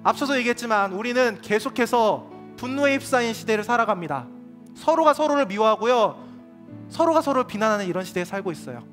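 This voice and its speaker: High-voiced earnest male youth preacher. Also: lively intonation, fast, a bit bright, faint music behind. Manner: earnest, confessional, speaks to listeners directly. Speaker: youth pastor. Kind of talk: sermon. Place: church youth service.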